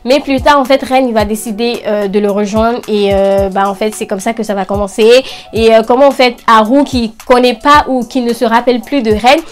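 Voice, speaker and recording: Her voice sits on the high side with a steady tone and normal pace. She's a young anime review host, talking slangily and casually as she eagerly suggests things for her audience to watch.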